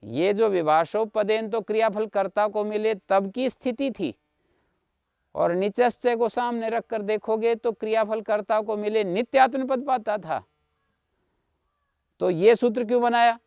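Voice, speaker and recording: High, smooth-voiced male teacher. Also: unhurried, a little mellow, no room sound, studio quality. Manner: patient, repeats points, checks understanding with listeners. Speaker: Sanskrit grammar teacher. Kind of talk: explanatory lecture. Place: online video class.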